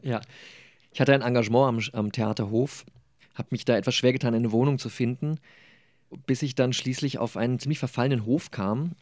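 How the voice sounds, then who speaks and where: A man reading from his own novel with animated dialogue voices, then answering questions thoughtfully with many pauses and fillers. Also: mid-range voice, no echo, clean studio sound. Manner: thoughtful, hesitant with fillers in the interview.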